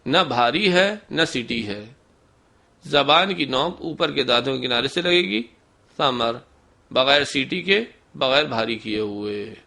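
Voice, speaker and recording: A man teaching Quran recitation in a methodical lesson, slowly sounding out letters to show the differences between them. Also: medium pitch, animated, vocal fry, pushed and bright. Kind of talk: instructional lesson.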